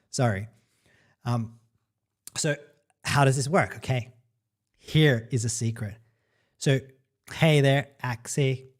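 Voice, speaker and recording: A middle-aged man from El Salvador works as a marketing coach and speaks directly to his livestream viewers in an upbeat, chatty way. His pitch is an ordinary middle range, and he keeps things loose by sprinkling in "right?" and "guys".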